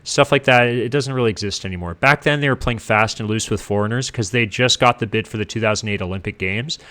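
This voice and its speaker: A middle-aged man from Canada, a guest casually telling his life story in an animated way, acting out what others said. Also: fairly low pitch, quick pace. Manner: animated, acts out what people said.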